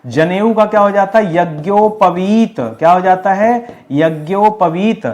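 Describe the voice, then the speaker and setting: A man's voice: sits high, expressive, normal speed, darkish tone, highs cut off. A man teaches an exam-prep lesson. He keeps asking his viewers questions and then answering them himself. He addresses them in a coaxing, chiding way. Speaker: Hindi teacher.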